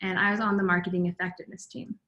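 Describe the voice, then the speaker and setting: A woman's voice: on the low side, little pitch movement, rapid-fire, pushed and bright, echoey room, dull audio. A young woman from Utah introducing herself on a webinar panel, enthusiastic and gushing.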